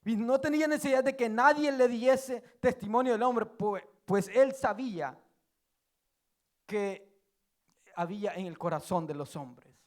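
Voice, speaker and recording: A male preacher giving a sermon, retelling scripture as lively storytelling with joking asides. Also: very high-pitched, unhurried. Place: church.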